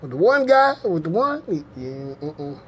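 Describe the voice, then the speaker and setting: A man's voice: extremely high pitch, sing-song, brisk, a bit bright, breathy edge. Rambling man teaching scripture casually. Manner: rambling, emphatic, repeats himself. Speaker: host of a scripture teaching show.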